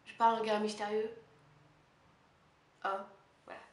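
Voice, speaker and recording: A woman beauty vlogger talking quickly and casually at home, chatty and poking fun at herself. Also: mid-range voice, flat delivery. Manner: fast, chatty and self-mocking. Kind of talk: casual monthly favorites haul chat. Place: her apartment. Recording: echoey room with faint hiss.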